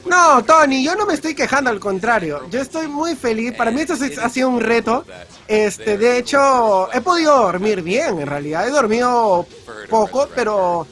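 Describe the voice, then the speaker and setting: Peruvian male stream commentator, high-pitched, upbeat and chatty, casual live banter. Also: lively intonation, moderate pace, fairly bright tone. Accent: Peruvian Spanish. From Peru. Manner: chatty, upbeat, filler-heavy. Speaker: speedrun commentator.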